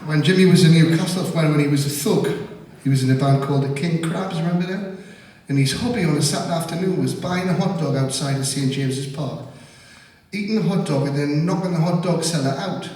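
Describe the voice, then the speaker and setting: A man's voice: on the high side, a little fast, a little mellow. Rambling Geordie man in an echoey hall. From North East England. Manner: rambling, anecdotal, swears freely. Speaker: singer-songwriter. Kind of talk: live stage storytelling between songs. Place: live music venue. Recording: echoey live hall, distant mic.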